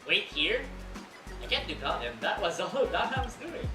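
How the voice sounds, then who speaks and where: A woman's voice: medium pitch, sing-song, moderate pace, roomy sound, recorded from a distance, over music. A woman streaming a game with casual commentary, playful and teasing, often laughing at what she reads.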